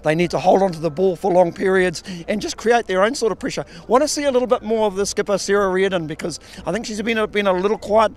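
A man's voice: high-pitched, fast talker, hardly any pauses. A middle-aged man giving direct, opinionated rugby analysis outdoors on the field. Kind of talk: pitchside analysis.

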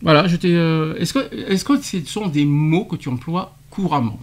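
Un animateur de radio qui interroge son invité en expliquant de l'argot, avec entrain et des rires. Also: male voice, a little high, moderate pace. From France. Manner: quizzing, explaining slang terms with laughs. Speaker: radio show host. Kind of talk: radio debate segment.

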